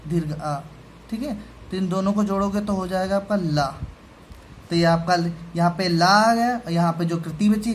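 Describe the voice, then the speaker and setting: A man teaching a grammar lesson to school students, patient and step by step, often pausing to check that they follow. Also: sits high, slight background noise.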